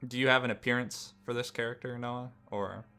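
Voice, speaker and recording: Bright-voiced man running a tabletop game. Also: medium pitch, fairly even intonation, fairly quick, clear, resonant tone. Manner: casual, describing scenes with fillers. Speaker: game master.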